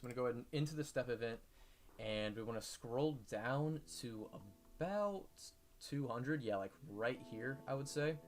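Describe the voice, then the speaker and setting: A man talking through a casual coding tutorial, halting with many fillers and self-corrections. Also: medium pitch. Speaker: modding tutorial host. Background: background music.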